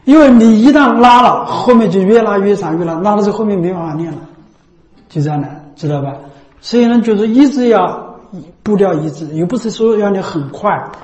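Male chant teacher, high voice, informal and repetitive, checks in constantly, roomy reverberant sound. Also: lively intonation, a little fast, a little mellow. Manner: repetitive, keeps asking "know what I mean?". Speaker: Buddhist chanting instructor. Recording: echoey room.

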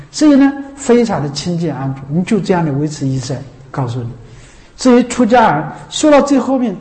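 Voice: mid-range voice, dark tone. A Buddhist monastic giving a dharma talk, repeating rhetorical questions, laughing now and then and chanting the Buddha's name. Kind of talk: dharma talk to a seated audience. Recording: echoey room.

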